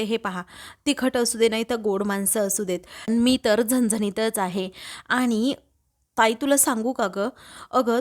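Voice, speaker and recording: A woman with a somewhat high voice narrates a recap of a television serial episode. She moves through each scene and reads out what the characters say in her own voice. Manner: retells scenes by reading out the characters' lines.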